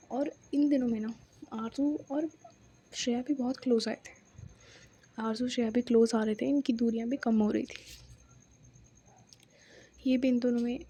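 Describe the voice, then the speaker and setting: A woman's voice: a little high, warm tone, breathy edge. A woman telling a romance story in a chatty, casual way, full of informal fillers. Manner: chatty, filler-heavy, addresses listeners informally.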